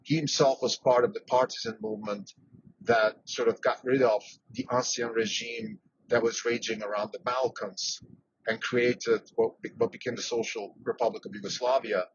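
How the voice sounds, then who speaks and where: A man's voice: mid-range voice, flat delivery, moderate pace. A man who grew up in Switzerland, hosting a solo podcast and thinking aloud, with frequent fillers and restarts. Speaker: podcast host. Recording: dull lo-fi sound with faint background noise.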